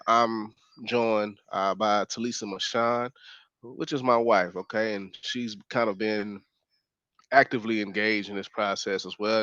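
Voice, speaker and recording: A man from Dallas, interviewing a local mother in a careful, halting way with lots of "uh". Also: lowish voice, a bit bright, no echo. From Dallas, Texas. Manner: careful, halting questions full of "uh". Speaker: street reporter and interviewer. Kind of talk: community interview. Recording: dull, slightly lo-fi audio.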